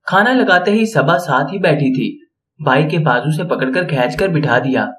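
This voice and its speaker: A man narrating a tragic first-person story in a steady, solemn reading voice. His tone stays mournful and earnest. His voice sits a touch high for a man.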